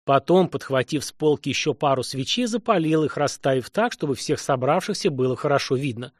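A man narrating an audiobook in an even, measured storytelling voice on a close mic. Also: medium pitch, no room sound. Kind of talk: scripted narration.

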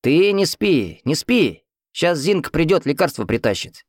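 A man's voice: on the high side, very animated, unhurried, no echo, clean studio sound, pitched above the performer's own voice. A man voicing a talkative, grumbling old man in a hospital ward, folksy and fussy. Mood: chatty. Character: chatty old male hospital patient, grumbling.

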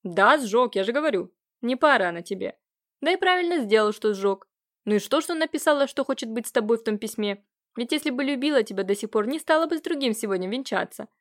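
A woman reading an audiobook, voicing an agitated older nobleman who scolds and nags his nephew with a hoarse, rising voice. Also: fairly high pitch, animated, brisk, lightly acted. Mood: jealous, scornful. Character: agitated older nobleman uncle, jealous and nagging.

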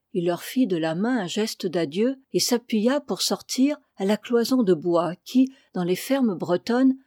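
A woman narrating a literary audiobook in a measured, expressive reading voice. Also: medium pitch, dry recording, clean studio sound. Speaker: audiobook reader.

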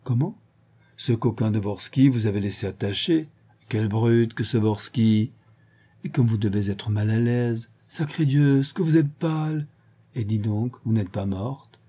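A man's voice: on the low side, measured pace, dark tone, slightly rough. A man voicing a drunk, mocking middle-aged villain who taunts his captive in an audiobook. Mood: mocking tipsy. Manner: sneering, jovial, taunting. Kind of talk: audiobook character voice.

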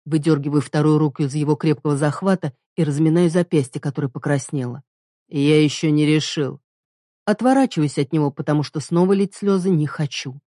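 A woman's voice: low voice, quick pace, few pauses, warm tone, no echo, studio quality. A woman reading a dramatic first-person audiobook with an emotional delivery. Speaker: audiobook narrator.

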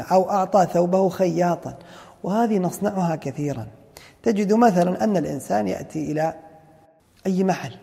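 A man's voice: high-pitched, creaky, mellow, big-room sound. A man teaching Islamic jurisprudence, explaining a classical text and asking and answering his own questions. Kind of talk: explaining a fiqh text in a lecture.

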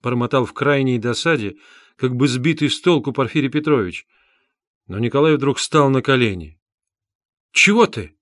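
A man narrating a classic novel in an even, measured reading. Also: medium pitch, dry recording, clean studio sound. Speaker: audiobook narrator. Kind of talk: scripted narration.

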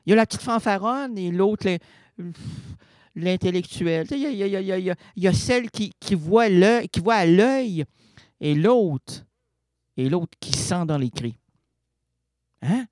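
In a radio studio, a Québécois French-accented man hosts a late-night show, rambling playfully, digressing and constantly correcting himself. His voice sits high and is expressive and a little mellow at normal speed, with a dry, studio-quality recording.

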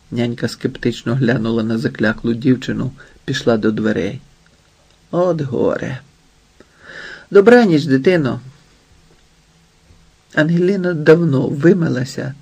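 A man reading an audiobook in a quiet, intimate, unhurried way. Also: mid-range voice, creaky, slightly rough. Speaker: audiobook narrator. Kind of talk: scripted narration.

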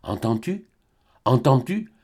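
A man reading an audiobook, voicing a passionate young woman with a high, urgent, straining voice. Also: big pitch swings, slow, warm tone, slightly rough, full character voice. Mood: tender coaxing. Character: passionate young woman, fierce and pleading lover.

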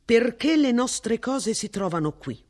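A woman's voice: a little high, big pitch swings, a little slow, darkish tone, pitched above the performer's own voice. A woman voicing a stiff, indignant middle-aged husband, curt and icily controlled, in a story reading.

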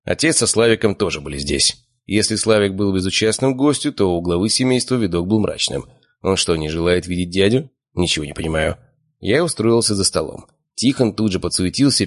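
A man's voice: low voice, lively intonation, a little fast. A man reading a first-person audiobook with a dry, sardonic manner. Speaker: audiobook narrator.

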